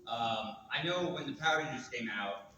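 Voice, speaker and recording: Man questioner, polite and hesitant; bright tone, distant in a reverberant hall. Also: medium pitch, expressive, normal speed, a little hiss or hum. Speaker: audience questioner. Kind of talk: asking a question at a panel. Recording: echoey hall, far from mic.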